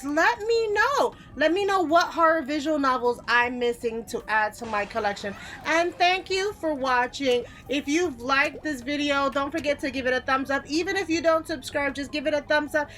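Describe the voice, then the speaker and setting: With a fairly bright voice that sits high, this female YouTuber hosts a relaxed game countdown of ten picks. Her commentary is informal and chatty, full of offhand remarks.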